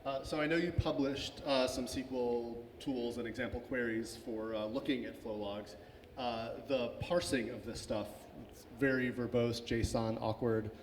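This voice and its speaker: A man's voice: mid-range voice, steady tone, normal speed. A man moderating a conference Q&A, reading out questions casually with many fillers. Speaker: session moderator. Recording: reverberant hall, faint background noise.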